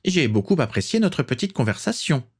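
A man's voice: a little high, big pitch swings, fairly quick, husky, pitched above the performer's own voice. A man voicing a haughty, imperious old aristocratic witch in an audiobook. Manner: imperious, condescending.

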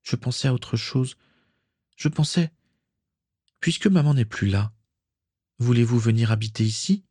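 A man's voice: medium pitch, measured pace, long pauses, darkish tone, husky, dry recording, studio quality, voice pushed up. A man voicing an anxious young woman pleading with her father in a storybook reading.

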